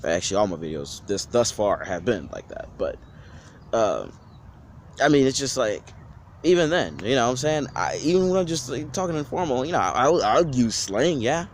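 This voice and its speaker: Dude ranting off the cuff, lots of slang and swearing, voice swings up and down, faint traffic hum behind. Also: male voice, mid-range voice, sing-song, normal speed. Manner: slangy, profane, rambling with many restarts. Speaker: vlogger. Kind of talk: informal off-the-cuff rant.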